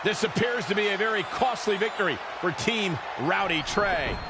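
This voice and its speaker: Earnest male play-by-play caller, high voice, heavy noise underneath. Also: lively intonation, normal speed. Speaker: play-by-play commentator. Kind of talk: wrestling commentary. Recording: game commentary over loud noise.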